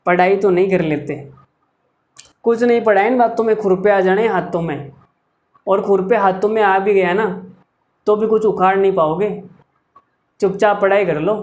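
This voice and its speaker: A male maths teacher giving a lively lecture. He is chatty and teasing, and he talks straight to his viewers as if they were in the room with him. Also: sits high, normal speed, long pauses.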